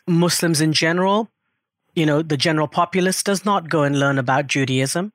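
A woman's voice: low-pitched, moderate pace, no room sound. Earnest middle-aged woman, dry close sound. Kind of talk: conversational interview.

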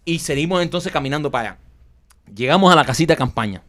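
Fast, animated storytelling man. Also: on the high side. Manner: animated, acts out quotes, laughs often. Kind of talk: casual chat, telling a funny story.

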